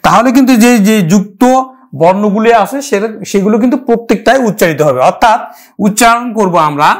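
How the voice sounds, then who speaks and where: A woman teacher giving a pronunciation lesson, explaining step by step, repeating each word slowly and speaking straight to her students. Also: mid-range voice. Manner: addresses the class directly.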